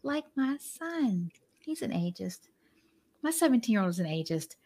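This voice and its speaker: A woman in her forties co-hosts a casual podcast chat, speaking at a moderate pace in a slightly high, sing-song voice with a dark tone. She reads from notes and drifts into anecdotes, restarting often.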